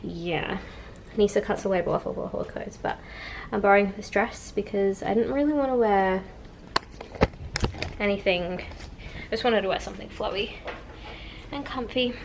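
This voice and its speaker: A woman in her twenties chatting casually to camera at home as a vlogger, relaxed and full of "like". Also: mid-range voice, normal speed, creaky, pauses often. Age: 20s. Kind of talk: casual vlog chat. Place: at home, indoors. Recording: noticeable room ambience noise.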